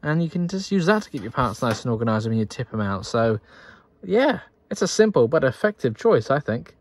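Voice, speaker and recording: A man's voice: medium pitch, very animated, fairly quick, no echo. A man narrating his Lego building in a chatty, upbeat way, thinking aloud as he goes. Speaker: Lego builder and channel host. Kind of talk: casual narration over build footage.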